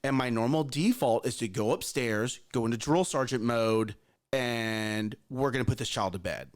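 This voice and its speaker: This thirty-something morning show co-host has a medium-pitched voice and a normal speaking speed. Earnest and repetitive, he tells listeners a parenting story from his own life, addressing them directly.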